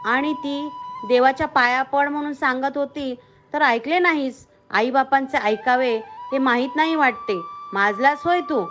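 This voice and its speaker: A woman's voice: high voice, a little slow, a bit bright, faint music behind. A woman voicing a strict village father who speaks in a stern, commanding way. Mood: angry.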